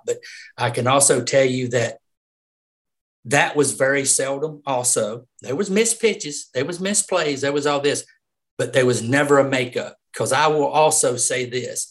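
A man's voice: medium pitch, fairly bright tone. A middle-aged man with a Southern US accent, a retired umpire talking as a guest in a casual interview. He tells stories emphatically and laughs often.

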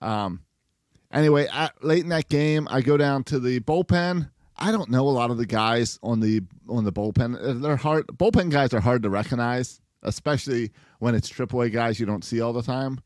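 Guy cohosting a baseball podcast, animated storyteller, mid pitch, really dry sound. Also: moderate pace, dry recording. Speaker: sports podcast co-host. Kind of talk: casual baseball chat.

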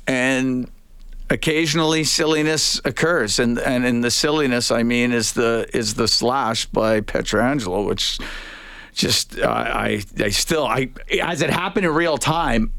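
A Canadian man co-hosting sports radio, giving casual commentary in a measured, halting way. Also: mid-range voice, fairly bright tone, smooth, no echo. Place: radio studio.

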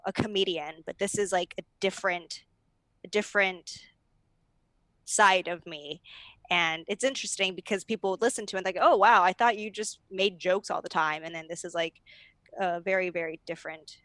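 A slightly hungover woman, speaking casually and candidly in an interview, sometimes halting. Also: medium pitch, a bit bright, dry recording, low-quality recording. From United States. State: a little hungover. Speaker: podcast host and comedian, as a guest.

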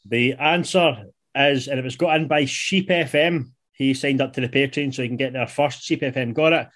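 A Scottish man in his late twenties, who produces a football podcast, hosts a quiz amid casual banter. His mid-range voice is a little bright and moves at normal speed.

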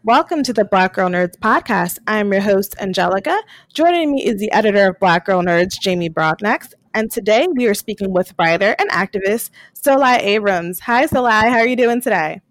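A woman's voice: medium pitch, expressive, moderate pace, few pauses, no echo. A woman of about thirty hosting a podcast interview, upbeat and friendly. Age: 30s. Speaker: podcast host.

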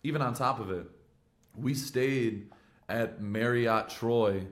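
Speaking slowly in a mid-range voice, this American man from Michigan chats on the podcast he hosts as a pro football player. His talk is loose, slangy, and full of frat-bro profanity.

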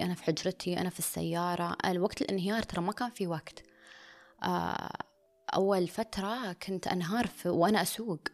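A woman's voice: fairly low pitch, vocal fry, a little mellow. A woman speaking in an intimate, confessional way, often dropping to a near whisper and slipping into English phrases. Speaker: vlogger. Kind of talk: personal confessional monologue.

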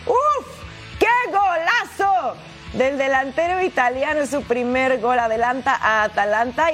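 A woman presenting sports highlights, narrating football action over match clips in an excitable way. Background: background music.

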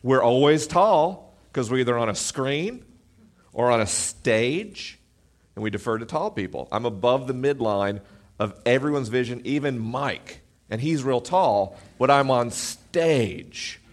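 This live podcast host talks to the crowd from the stage at a measured pace. His deep, booming voice carries through an amplified microphone, and his manner is lively and self-deprecating.

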